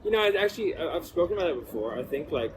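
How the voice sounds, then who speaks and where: A man hosts a casual, bantering podcast, recorded with clear background noise. He jokes along and often drops in short agreements while his guest talks. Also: a little high, very animated, rapid-fire. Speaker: podcast host. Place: seated in an ice bath at a retreat. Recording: clearly noisy ambient background.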